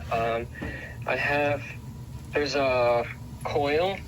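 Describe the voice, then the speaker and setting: A man's voice: mid-range voice, very slow, a bit bright, slight background noise, low-quality recording. Hesitant man on a speakerphone call. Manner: hesitant, many ums and restarts. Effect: heard over a phone on speakerphone. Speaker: heating technician calling for advice. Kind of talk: phone call.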